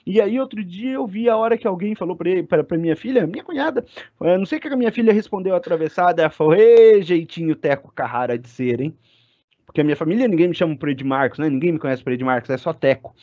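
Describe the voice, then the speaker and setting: A man giving an online class lecture, talking fast and animated and getting loud when excited. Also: sits high, no echo. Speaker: university lecturer. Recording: dry, slightly muffled sound.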